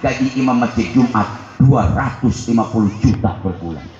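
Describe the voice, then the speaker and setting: A Sundanese man from West Java with a Sundanese accent, preaching a comic sermon to a live crowd and calling for answers, swinging from jokes to shouted preaching. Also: medium pitch, moderate pace, highs cut off. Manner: call-and-response, swings from joking to shouted preaching. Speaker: Islamic preacher. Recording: very echoey live hall with background noise.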